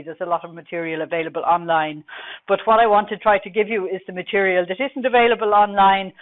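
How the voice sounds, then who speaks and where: A middle-aged Irish woman with a Dublin accent gives a technical conference presentation, talking quickly with many fillers. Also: mid-range voice. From Ireland. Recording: tinny phone-like recording.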